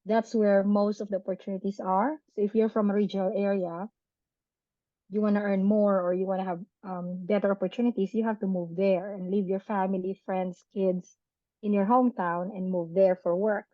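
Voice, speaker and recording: A chatty, animated woman, a podcast guest who laughs often and adds tag questions. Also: medium pitch, moderate pace, no room sound, lo-fi sound. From Philippines. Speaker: podcast guest, business owner. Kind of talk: casual interview chat.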